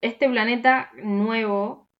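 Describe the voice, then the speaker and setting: A woman with a Rioplatense Spanish accent, co-hosting a podcast in casual chat. She rambles, restarts her sentences and trails off into soft asides. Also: a little high, fairly even intonation, slow, lo-fi sound. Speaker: podcast co-host.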